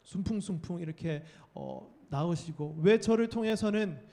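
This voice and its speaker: A man's voice: high-pitched, lively intonation, moderate pace, dark tone. A man voicing a grieving, childless woman who pleads anguished prayers during a sermon. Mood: pleading.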